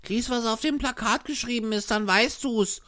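A woman's voice: a little high, normal speed, a bit bright, no echo, close to an everyday voice. A woman voicing a teasing, sensible village boy who mocks the puppet's offers.

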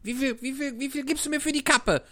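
A woman's voice: high-pitched, a little fast, fairly bright tone, pitched above the performer's own voice. A woman voicing a mischievous, eager wooden boy puppet who pleads and bargains. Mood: pleading.

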